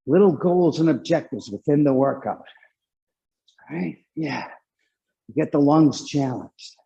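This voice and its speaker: A dull, lo-fi recording of a male spin instructor cycling hard as he coaches. His voice is a little high and muted, with slow, spaced-out cues pushed through heavy, exerted breathing. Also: expressive, gravelly, dark tone. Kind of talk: motivational indoor cycling coaching. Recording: dull, muffled lo-fi class recording.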